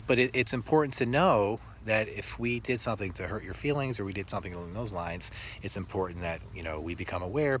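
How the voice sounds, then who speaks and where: A male teacher telling reflective stories about his work in an earnest, halting way with many pauses. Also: on the low side, a bit bright, slight background noise. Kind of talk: reflective storytelling monologue.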